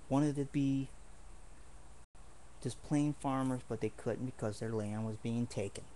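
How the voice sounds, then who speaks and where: Slow, rambling earnest man. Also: fairly high pitch, warm tone, a little hiss or hum. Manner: rambling, earnest, with many restarts. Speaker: martial arts hobbyist showing swords. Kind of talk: casual home video demonstration.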